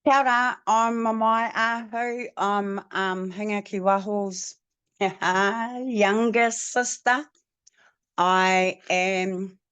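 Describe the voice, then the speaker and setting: A woman's voice: medium pitch, a bit bright, clear, resonant tone, dry recording. A woman casually introducing her family line.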